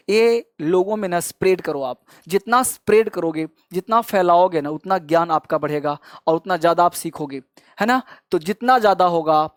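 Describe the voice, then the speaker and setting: Man drilling words in a dry, high voice. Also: no echo. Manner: repeats words over and over, urging listeners to say them back; encouraging, praising progress. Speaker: spoken English teacher. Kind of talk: pronunciation drill lesson.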